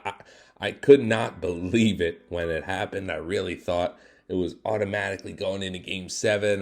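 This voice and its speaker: A man giving play-by-play commentary over his own video game, excitable and quick to jump up loud at big moments, his voice a little worn. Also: on the low side. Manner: excitable, voice jumps up and gets loud at big plays. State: losing his voice. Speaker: gaming YouTuber.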